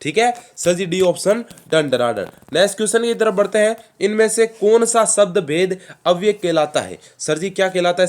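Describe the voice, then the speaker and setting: A man teaching an online exam-prep class, energetic, quizzing the students and answering his own questions with lots of praise. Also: high-pitched. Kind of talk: live online quiz class.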